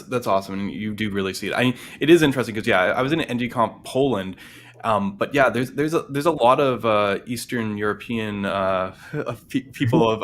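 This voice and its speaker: Male stream host, lowish voice, casual rambling delivery, faint noise behind. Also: fairly bright tone. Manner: rambling, many restarts and fillers. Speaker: livestream host. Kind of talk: casual tech chat.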